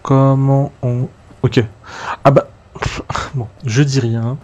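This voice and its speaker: A man's voice: medium pitch, steady tone, slow, husky, highs cut off. A man casually commenting on his gameplay, chatting to viewers and muttering to himself. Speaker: let's play gamer.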